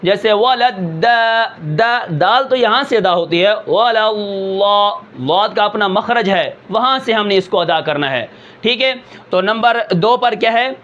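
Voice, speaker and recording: High-voiced male Quran teacher, lo-fi. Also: expressive, a bit bright. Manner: patient, explanatory, asks himself rhetorical questions and checks in with "okay"; slows and draws out words to demonstrate sounds. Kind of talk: tajweed pronunciation lesson. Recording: dull, slightly lo-fi sound.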